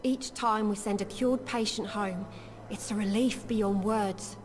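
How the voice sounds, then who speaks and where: An actress voicing an earnest young nurse, idealistic but worn down, in game dialogue. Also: female voice, mid-range voice, fairly even intonation, measured pace, a little hiss or hum, natural voice. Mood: wistful. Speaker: nurse character. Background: game music.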